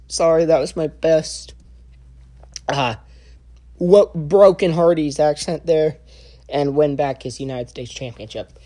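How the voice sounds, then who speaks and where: A young man giving a casual spoken review, halting and full of filler sounds and restarts. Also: high voice, dark tone. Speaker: wrestling show reviewer.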